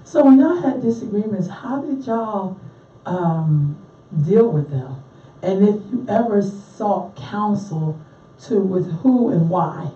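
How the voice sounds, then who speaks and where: Woman interviewer, casual questions, mellow tone, dull roomy recording from a distance. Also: mid-range voice, expressive, takes it slowly. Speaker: host. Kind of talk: interviewing a couple.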